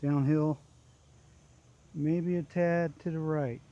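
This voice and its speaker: A man giving casual, low-key golf commentary on his own round, talking through his shots in short, clipped phrases. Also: steady tone, takes it slowly, mellow, muffled recording. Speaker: amateur golfer recording his own round. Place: outdoors on a golf course.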